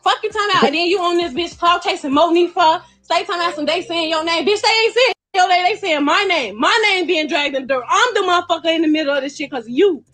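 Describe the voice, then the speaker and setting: A young adult woman speaks in a very high, bright, piercing voice. She delivers a furious, profane rant aimed at former friends and hammers the same phrases over and over. Her voice rises into shouts at times. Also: fast, hardly any pauses. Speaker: friend in a viral dispute. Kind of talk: angry social media rant.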